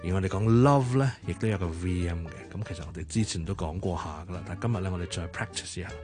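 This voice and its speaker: A man's voice: low-pitched, quick pace, a little mellow. Playful man drilling English over music. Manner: playful, drills words by repetition. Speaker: English teacher segment host. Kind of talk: radio language tip segment.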